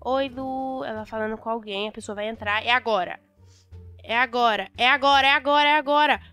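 Brazilian girl gamer, highish voice, chatters fast and excited, faint music behind. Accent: Brazilian Portuguese. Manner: chatty, exclaims and repeats words in bursts. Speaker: Roblox gameplay host. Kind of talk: excited gameplay commentary.

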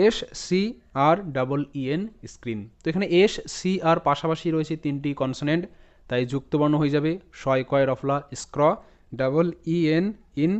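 A man teaching English reading, spelling out each word letter by letter and then repeating it slowly. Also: on the high side, darkish tone. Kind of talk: spoken language lesson. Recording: dull lo-fi sound.

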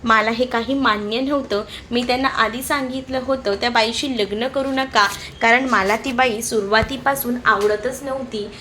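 Brief: bitter young husband in a storybook, read by a woman, high voice, quiet delivery. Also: steady tone, moderate pace, few pauses, slight background noise.

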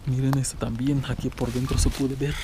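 A man's voice: medium pitch, little pitch movement, fairly quick, dark tone. A man in his twenties with a Mexican accent hosting a casual night exploration vlog outdoors in short, slangy phrases. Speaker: vlog host. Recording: noisy outdoor phone video.

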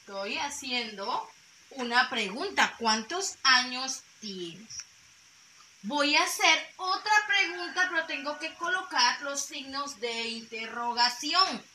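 A woman with a high, very bright and sharp voice teaches a lesson to small children. She speaks patiently and goes back over each point. The recording sounds echoey, with a faint hiss behind her. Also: a little slow. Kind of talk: classroom lesson for young children. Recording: echoey room with faint noise.

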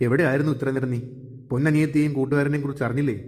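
A man's voice: medium pitch, steady tone, racing, a little mellow, lightly acted. A man voicing an older, strict mother who scolds and nags. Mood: scolding. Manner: scolding, nagging. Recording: long hall reverb.

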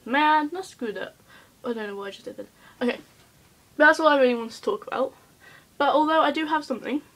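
A young-sounding woman talks straight to camera in a casual vlog. Her voice sits a little high, and she is hyper and giggly, rambling from one thought to the next with plenty of ums. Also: poor audio. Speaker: vlogger.

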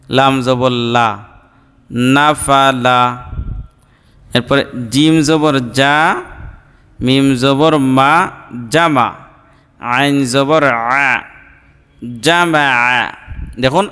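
A man leads a slow, drilled reading lesson, naming each letter and its vowel before blending the sounds together. His voice is clear and smooth and sits a little high. The sound rings with a long hall reverb. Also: fairly bright tone. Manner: spells each letter and vowel slowly, then joins syllables. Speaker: Quran reading teacher.

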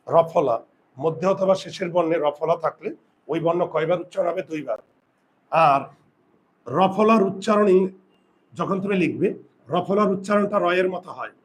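Male teacher, high voice, quizzes students and repeats words slowly, faint background noise. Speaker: Bengali grammar teacher. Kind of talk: classroom lesson.

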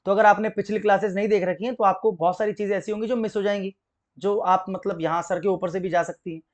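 A young male teacher runs an exam-prep grammar lesson at a quick clip. His voice sits high for a man, and he keeps asking whether his students follow him. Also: fairly even intonation. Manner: explains step by step, keeps checking understanding. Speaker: English teacher.

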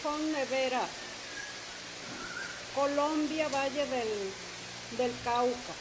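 Text-to-speech woman reading chat, slow, under loud shop noise. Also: sits high. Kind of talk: reading viewer comments aloud.

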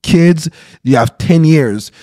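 A man's fairly high, expressive voice with a dark tone speaks slowly as this pastor in his thirties candidly tells his story in an interview. He's earnest, restarts often, and keeps asking "right?", recorded dry on a close mic in a small podcast studio.

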